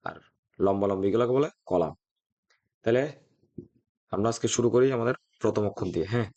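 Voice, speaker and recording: A man teaching a language lesson, calmly drilling each syllable one at a time. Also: on the low side, fast, highs cut off. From Bangladesh.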